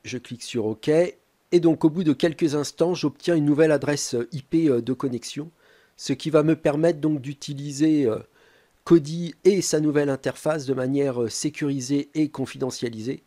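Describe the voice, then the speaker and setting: A man presenting a step-by-step tech tutorial, talking calmly with frequent hesitant filler pauses. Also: a little high.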